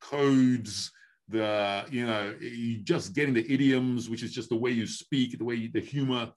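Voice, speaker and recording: A man's voice: mid-range voice, steady tone, unhurried. A man in his fifties from Ghana, hosting a video call interview from home in a friendly, chatty, upbeat way, often repeating phrases. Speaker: host. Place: home room with wooden beams. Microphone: video call webcam.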